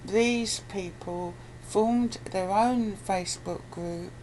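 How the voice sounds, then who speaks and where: Here the British interviewee takes it slowly, her medium-pitched voice carrying a darkish tone. The conversation is casual and blunt with some swearing, and background noise runs through the amateur recording.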